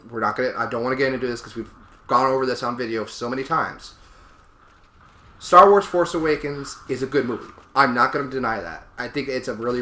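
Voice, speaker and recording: Male let's play co-host, forceful bright delivery, emphatic casual opinions, echoey room with faint noise. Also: medium pitch. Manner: opinionated, emphatic, repeats and rephrases himself. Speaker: let's play co-host commenting over the game. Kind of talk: casual opinionated chat over gameplay. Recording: roomy echo, faint background noise.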